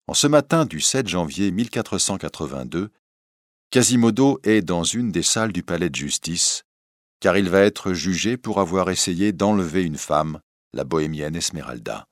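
Expressive man narrating a story. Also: deep voice, no room sound, studio quality.

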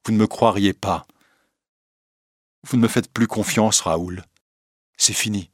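A man voicing a secretive young woman who speaks in a low, hushed way. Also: fairly even intonation, slow pace, no echo, studio quality. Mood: pleading.

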